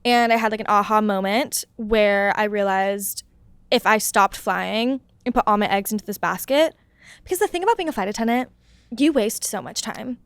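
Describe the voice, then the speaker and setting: In a casual podcast chat, a young woman guest speaks at a moderate pace with a mid-range, slightly bright, clear and resonant voice, free of room sound. She's chatty, leans on "like" as a filler, and laughs often.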